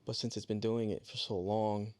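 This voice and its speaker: A man's voice: on the low side, flat delivery, normal speed, a little mellow, no echo. A man hosting a podcast, supportive, chiming in with affirming murmurs and reflective remarks. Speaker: podcast host. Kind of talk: casual interview chat.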